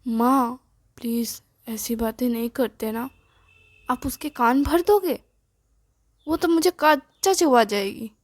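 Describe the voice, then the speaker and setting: A woman's voice: a little high, slow pace, pauses often, no room sound. A woman voicing a flustered young adult son who whines and stammers out excuses to his mother. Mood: pleading. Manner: whiny, pleading, stammering. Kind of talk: storytelling dialogue.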